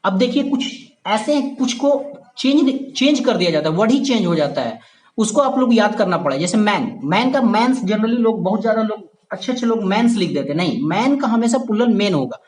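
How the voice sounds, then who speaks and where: A man's voice: sits high, lively intonation, a little fast. Male tutor, patient lesson delivery, repeats himself for emphasis. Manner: repeats key points, checks in with "ठीक है"; addresses viewers as "my dear friend". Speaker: English grammar teacher. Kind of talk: classroom grammar lesson.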